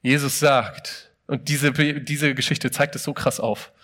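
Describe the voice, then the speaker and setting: A man's voice: medium pitch, fairly even intonation, takes it slowly, a bit bright. A man preaching a sermon in a casual, emphatic way, asking his listeners many rhetorical questions and often opening a phrase with "hey".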